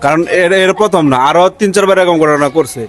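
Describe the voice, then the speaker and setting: A man's voice: high-pitched, quick pace, lightly acted. A man, playing a brother who earnestly explains his side. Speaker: wife's brother in a staged news drama.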